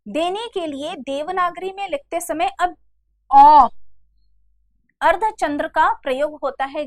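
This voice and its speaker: A woman teaching a Hindi grammar lesson over slides, speaking patiently, repeating examples slowly and calling her students "beta". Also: high-pitched, no room sound, clean studio sound.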